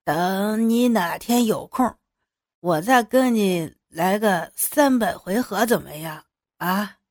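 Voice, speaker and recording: A woman voicing a crude, flattering younger man in an audio drama, with a lowered, fawning delivery. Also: slow, no room sound, clean studio sound.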